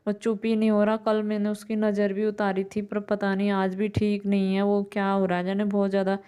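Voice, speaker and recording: A woman's voice: mid-range voice, completely flat delivery, brisk, mellow, clean tone. A tired woman vlogging about her day at home, rambling on casually while she does her chores. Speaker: mom vlogger. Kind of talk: casual chatty home vlog narration. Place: home kitchen.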